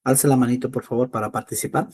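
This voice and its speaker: A man teaching an English class in Spanish, patiently repeating words slowly to drill pronunciation. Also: mid-range voice, fairly even intonation, a little mellow.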